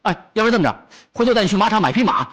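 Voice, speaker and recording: An actor playing a young man in a TV costume drama, coaxing and begging his weeping sweetheart in a husky voice. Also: high-pitched, animated, racing, fairly bright tone. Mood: pleading. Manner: pleading, coaxing, self-deprecating.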